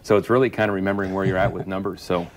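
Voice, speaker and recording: A man's voice: sits low, flat delivery, very fast, slight background noise. A man, an auctioneer, talking casually in an interview and explaining things with examples.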